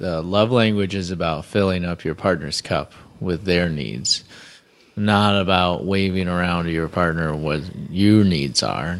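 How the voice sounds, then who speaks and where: A man co-hosting a podcast, chatting casually with blunt, matter-of-fact quips. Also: low voice. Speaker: podcast co-host. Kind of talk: casual chat.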